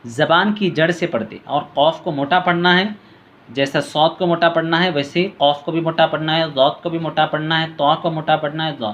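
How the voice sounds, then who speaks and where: A man teaching letter reading step by step. He calls out each letter name in a long, drawn-out tone, then explains quietly in a lower voice. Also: fairly even intonation, dull audio, a little hiss or hum. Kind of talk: patient step-by-step reading lesson.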